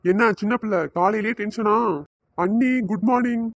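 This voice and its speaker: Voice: mid-range voice, moderate pace, dry recording, natural voice. A performer voicing a teasing, cajoling idle young man in a cartoon. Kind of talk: cartoon voice acting.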